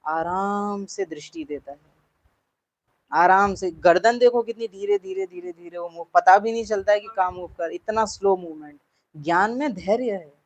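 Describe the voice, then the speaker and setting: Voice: medium pitch, low-quality recording. A spiritual teacher giving a class talk in an earnest way, repeating points for emphasis and putting questions to the listeners.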